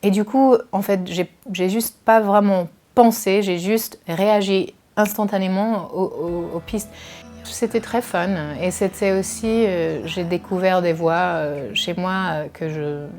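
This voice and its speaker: A musician from California with an American accent, answering interview questions in a hesitant way with many fillers, over faint music. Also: female voice, mid-range voice, fairly even intonation, a little slow, darkish tone. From California, USA. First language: English. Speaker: musician guest.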